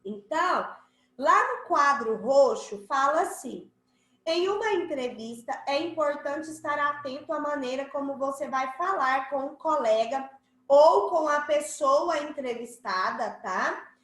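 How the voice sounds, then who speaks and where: A woman's voice: high-pitched, lively intonation, measured pace, a bit bright, roomy sound, rough recording. A woman teacher with a Brazilian accent explaining a lesson to children, playful and acting out examples. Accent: Brazilian Portuguese. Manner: playful, acts out examples in shifting voices. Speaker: schoolteacher. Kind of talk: online class explanation to children.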